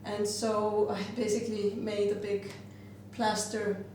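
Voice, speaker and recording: With a mid-range, slightly dark voice and little pitch variation, an Icelandic glass artist speaks a bit slowly about her work, often pausing to find words. A distant mic picks her up in a very roomy, noisy setting.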